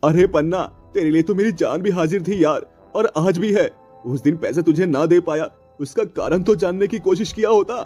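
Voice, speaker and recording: A man's voice: sits high, moderate pace, warm tone, slightly rough, faint music behind. A man voicing an honest, loyal village farmer in a cartoon story, talking in an earnest, pleading way. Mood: hurt.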